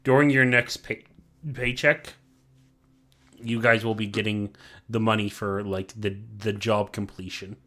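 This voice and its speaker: A man's voice: on the low side, little pitch movement, measured pace, a bit bright. A man as game master narrating a tabletop game casually, hesitant and full of fillers.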